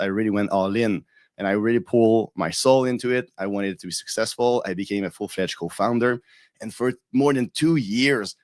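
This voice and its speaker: Man, French Canadian accent, lowish voice, slightly hoarse from a cold, dry sound. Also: no room sound. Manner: earnest storytelling with fillers and restarts. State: recovering from a cold, voice a bit shaky. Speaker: guest speaker. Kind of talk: live online talk.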